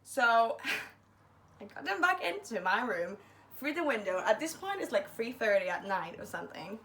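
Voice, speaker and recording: A woman's voice: on the high side, big pitch swings, normal speed, fairly bright tone. Chatty young woman telling a story. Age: young adult. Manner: chatty, self-mocking, acts out quotes. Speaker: university student vlogger. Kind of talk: casual storytime vlog.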